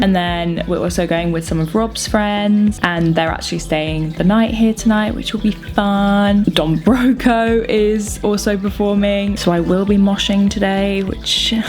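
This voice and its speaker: A woman's voice: fairly low pitch, a little mellow. A thirty-year-old woman, chatting casually and playfully through her makeup routine as a beauty vlogger. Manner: chatty, playful, laughs often. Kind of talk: casual get-ready-with-me makeup chat.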